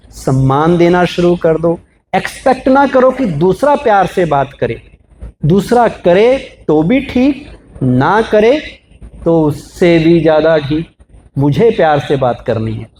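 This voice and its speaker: A spiritual speaker with a fairly high, darkish voice gives a motivational talk to a live audience, posing rhetorical questions, asking for raised hands and using everyday examples. There's a little hiss or hum.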